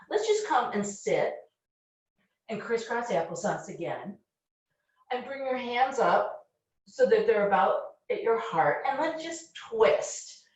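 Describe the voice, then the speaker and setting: A woman leading a children's yoga class, giving gentle, encouraging step-by-step instructions. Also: a little high. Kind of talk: guiding a kids' yoga class. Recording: distant, very echoey, dull-sounding room recording.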